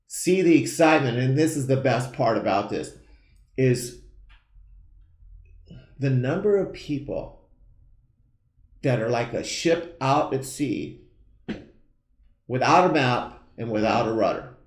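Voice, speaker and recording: Middle-aged guy hosting a live show, earnest pushy pitch, keeps repeating himself, roomy echo. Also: expressive, slow pace, long pauses. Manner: earnest, emphatic, repeats key phrases. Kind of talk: motivational sales pitch to camera.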